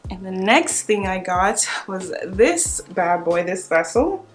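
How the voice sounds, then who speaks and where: A woman's voice: mid-range voice, sing-song, slow, soft background music. A young woman chatting casually to her viewers about home decor finds, enthusiastic and informal. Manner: chatty, enthusiastic, addresses viewers as "you guys". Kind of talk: casual vlog chat.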